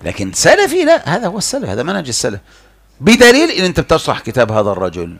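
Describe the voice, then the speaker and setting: A man with an Egyptian accent giving a heated religious lecture, mocking and animated, swinging between loud outbursts and hushed asides. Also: mid-range voice, racing, vocal fry. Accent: Egyptian Arabic.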